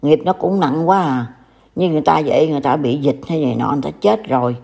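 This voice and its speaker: A woman's voice: deep voice, fast, creaky, dark tone. An older woman from Vietnam with a Southern Vietnamese accent, scolding and warning in a casual online talk. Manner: scolding, reproachful. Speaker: commentator.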